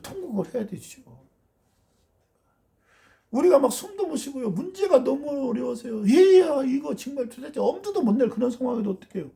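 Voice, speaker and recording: Preacher, fervent sermon delivery, gravelly edge, mid-range pitch, keeps asking the congregation questions. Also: warm tone. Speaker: pastor.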